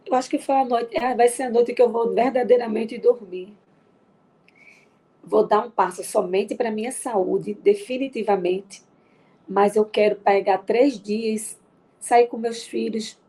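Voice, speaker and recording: A woman from Recife with a Recife accent, a grieving mother talking quietly and with heartfelt faith as an interview guest. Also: medium pitch, vocal fry, husky. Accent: Brazilian Portuguese, Recife. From Recife, Brazil. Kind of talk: emotional interview.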